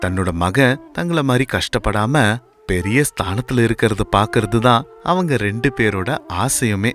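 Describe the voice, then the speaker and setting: A man telling a moral story in scripted, measured storytelling narration. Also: fairly low pitch, lively intonation, a bit bright, faint music behind.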